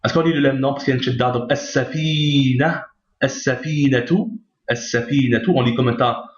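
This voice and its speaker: A man gives a step-by-step reading lesson, patient and repetitive, checking in after each rule. His voice sits in a roomy space with a dull, lo-fi tone. The pitch is middling. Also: steady tone, moderate pace. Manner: patient, repeats each point, checks with "d'accord?". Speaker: Arabic reading teacher. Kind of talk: recorded lesson explaining on screen.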